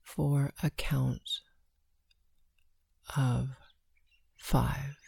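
A woman leading a guided meditation, counting breaths slowly with long pauses between short phrases. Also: extremely low pitch, flat delivery, vocal fry, darkish tone, slightly rough, no room sound, studio quality.

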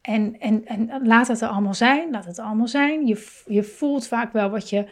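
A woman with a slightly high voice gives calm parenting advice. She talks gently and thinks aloud, with frequent fillers and restarts and an occasional soft laugh. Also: normal speed. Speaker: parenting coach.

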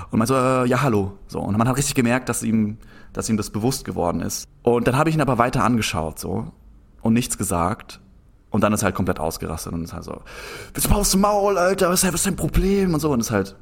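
A man's voice: on the low side, creaky. Young man rambling through a story. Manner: rambling, animated anecdote with frequent restarts and filler "so". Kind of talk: casual storytelling in conversation.

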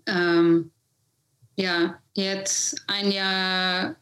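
A young woman from Germany in her twenties answers a podcast host's question. She speaks very slowly, searching for her words and often pausing on filler sounds. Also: on the low side, flat delivery, fairly bright tone, rough recording. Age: 20s. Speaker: podcast guest. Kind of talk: podcast interview.

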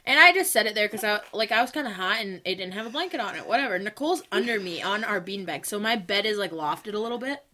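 A young woman co-hosting a podcast, telling stories in casual chat, animated and full of likes. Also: medium pitch, fast talker, hardly any pauses. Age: young adult. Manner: animated storytelling, many likes, laughs while talking. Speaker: podcast co-host.

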